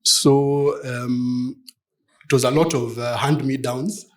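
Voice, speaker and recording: Speaking slowly in a steady, mid-range voice, a middle-aged man from Kenya answers interview questions in a conversational setting. He's a partner at a law firm, and his replies come out thoughtful and hesitant, full of fillers.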